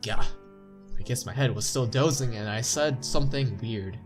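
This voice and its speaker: Reading visual novel narration aloud with casual commentary, this let's play narrator has a stuffy nose and a mid-range voice. He speaks at normal speed over game music.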